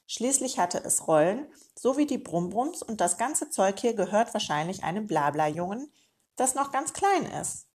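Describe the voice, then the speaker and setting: A woman's voice: mid-range voice, very animated, normal speed, darkish tone, close to an everyday voice. A woman voicing a boastful old male meerkat uncle in a children's storybook, talking in a pompous, self-important way.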